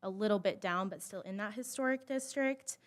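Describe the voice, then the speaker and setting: Young woman, public hearing applicant, nervous and sincere, clear tone. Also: medium pitch, fairly quick. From Monroe, Georgia. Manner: nervous, earnest, many filler ums. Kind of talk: prepared public statement.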